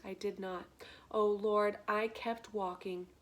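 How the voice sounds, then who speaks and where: A woman voicing a remorseful male prisoner who speaks roughly and plainly, at times close to a whisper. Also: mid-range voice, steady tone, takes it slowly, lightly acted.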